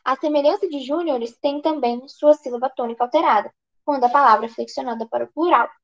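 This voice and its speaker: High-voiced Brazilian woman tutoring grammar. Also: fast talker, lo-fi sound. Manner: asks and answers her own questions, restarts often. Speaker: exam prep tutor. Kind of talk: online grammar lesson.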